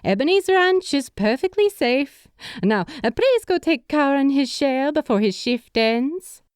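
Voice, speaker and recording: A woman voicing a motherly, playful middle-aged woman who speaks with a knowing, gently teasing manner in an audiobook. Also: high voice, expressive, measured pace, no room sound, studio quality, pitched above the performer's own voice. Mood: fond.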